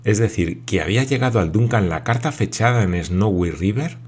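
A man's voice: fairly low pitch, lively intonation, normal speed, a little mellow, breathy edge. A man voicing a bewildered lord who presses question after question. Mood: urgent questioning.

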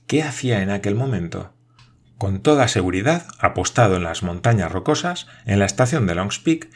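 A man narrating an audiobook in a measured storytelling manner. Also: on the low side.

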